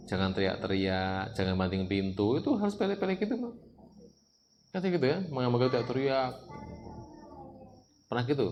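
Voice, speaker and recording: A man preaching on parenting to a congregation, lively and direct, often asking the audience questions. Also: mid-range voice, a little hiss or hum.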